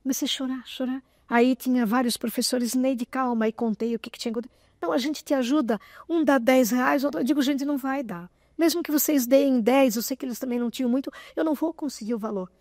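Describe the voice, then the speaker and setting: A woman in her sixties recounts a personal story as an interview guest. Her voice sits fairly high and sounds dry and close. She speaks with animated feeling, often close to tears. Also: quick pace, no room sound. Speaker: interview guest, association president.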